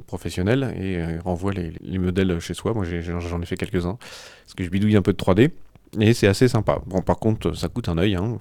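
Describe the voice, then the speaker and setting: A man with a low voice talks through tech news in a relaxed podcast chat. He hesitates often, stacking fillers and restarting sentences. The sound is close and dry, with no room around it. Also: no echo. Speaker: podcast co-host reading a tech press review.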